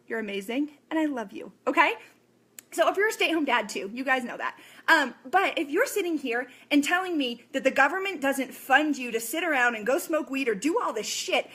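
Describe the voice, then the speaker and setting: Blunt high-voiced woman ranting. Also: pushed and bright. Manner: blunt, swears, lots of "okay?" and "guess what?". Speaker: fitness coach. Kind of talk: ranting motivational vlog.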